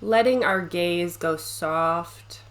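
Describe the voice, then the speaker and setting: In a lowish voice, a woman talks listeners through a meditation, her tone gentle and calming. Long pauses fall between her short phrases.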